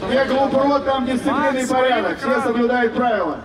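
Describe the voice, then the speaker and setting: A man's voice: very high voice, fairly quick. A man announcing a fight live in the style of a fighting game announcer, heard over a PA. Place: outdoor fight event, crowd around sand ring. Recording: distant echoing PA, loud outdoor crowd.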